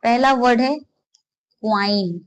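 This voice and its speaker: A woman's voice: on the high side, low-quality recording. A woman teaching an exam-prep lesson in Hindi mixed with English terms, saying example words again and again for learners to copy. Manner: explains slowly, repeating example words aloud for learners to copy; mixes Hindi with English terms and reads English lines slowly.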